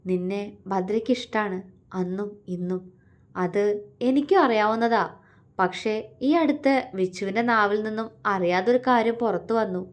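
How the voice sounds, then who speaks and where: A woman voicing a tender, teasing young husband in a love story, speaking softly and affectionately. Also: normal speed, lightly acted. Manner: soft, affectionate, low-key. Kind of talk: storytelling dialogue.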